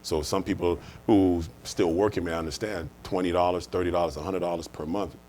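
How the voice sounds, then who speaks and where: A man's voice: low-pitched, fairly even intonation, fairly quick, darkish tone, slight background noise. A man from the United States explaining things earnestly in an interview, restating his points as he goes. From United States, born and raised. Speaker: life insurance manager, interview guest. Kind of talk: conversational interview answers, explaining.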